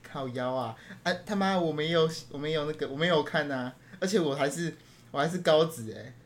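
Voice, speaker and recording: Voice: mid-range voice, brisk. A young person in their late teens with a Taiwanese Mandarin accent, co-hosting a podcast, joking and rambling with many repeated words. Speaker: podcast co-host. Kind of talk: casual chat. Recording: echoey room.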